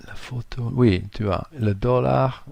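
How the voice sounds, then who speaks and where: A man speaking French as a non-native with a foreign accent, giving an informal screen-share tutorial, halting and searching for words. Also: mid-range voice, gravelly, darkish tone, no echo. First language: not French. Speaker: tutorial presenter.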